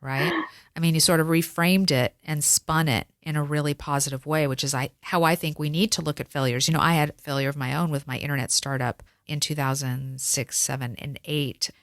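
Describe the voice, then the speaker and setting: A woman's voice: sits low, fairly even intonation, fairly quick, dry recording, clean studio sound. A woman podcast host, once a lawyer, talking in an encouraging, affirming way with her guest. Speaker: podcast host, former attorney. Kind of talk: casual conversational interview.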